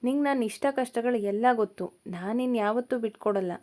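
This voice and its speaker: Woman reading as young male college student, affectionate, gentle, reassuring, storybook voice, higher pitch. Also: brisk, close to an everyday voice.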